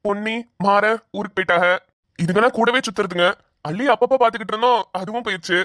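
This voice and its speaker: A woman's voice: mid-range voice, fast, fairly bright tone, no echo, studio quality, natural voice. A woman putting on the voices of worried middle-aged village men in a cartoon, with a southern Tamil village accent. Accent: southern Tamil village dialect. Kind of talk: cartoon voice acting.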